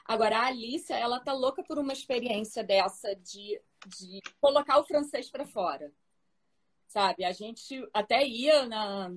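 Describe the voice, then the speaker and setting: Brazilian mom, higher pitch, easy conversational tone with tag questions. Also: female voice, measured pace. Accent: Brazilian Portuguese. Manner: conversational, tags remarks with "né?". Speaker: mother. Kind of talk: casual chat.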